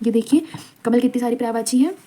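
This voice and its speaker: A woman runs through long lists of words for exam revision, a bit high in pitch with a dark, mellow tone. She reads each word in a steady rhythm and breaks in now and then with a quick aside to point out a trap. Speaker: teacher. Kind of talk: exam-prep lesson reading out word lists.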